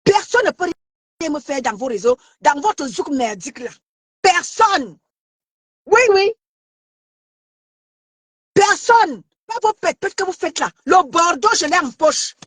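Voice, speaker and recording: A woman from Cameroon ranting to her online followers, confrontational, shouting and taunting, stammering and repeating herself. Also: sits high, expressive, a little slow, long pauses, no room sound. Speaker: social media commentator. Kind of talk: heated live rant.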